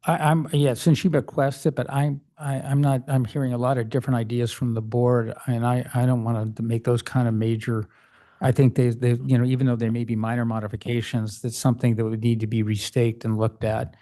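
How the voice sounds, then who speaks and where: A man's voice: medium pitch, little pitch movement, brisk, mellow. A man chairing a city design review board meeting, often restarting his sentences as he runs the discussion.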